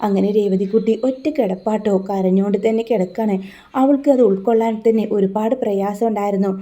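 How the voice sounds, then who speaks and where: A woman narrating a serial's story in an unhurried, conversational retelling. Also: medium pitch, fairly even intonation, warm tone.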